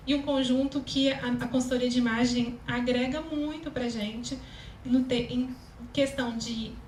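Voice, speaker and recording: A woman with a Brazilian Portuguese accent speaks to a live audience as a communication consultant. Her voice is high and thin, and her talk is chatty and full of fillers. The recording carries room echo and a faint ambient hiss. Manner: chatty, many fillers, laughs often. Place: event hall, live audience.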